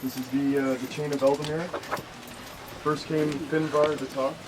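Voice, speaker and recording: A man with a fairly high voice delivers a ceremonial roll call. His delivery is informal and halting, and the outdoor recording is swamped with loud background noise. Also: level tone. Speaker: participant presenting a ceremonial chain. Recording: very noisy outdoor event recording.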